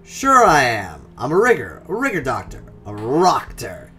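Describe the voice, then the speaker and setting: A man's voice: mid-range voice, huge pitch swings, measured pace, pushed and bright, slight background noise, heavily acted. A man voicing a cheerful, boastful cyber-doctor in his forties with a loose Midwestern accent, read from a game's text. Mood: jovial. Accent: loose Midwestern US (put on). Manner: jovial, boastful, rambling.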